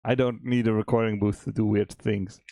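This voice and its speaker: A man, an indie game developer, chatting casually on a stream, relaxed and laughing often. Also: lowish voice, a little fast, vocal fry, dry recording. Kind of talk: casual chat on a dev stream.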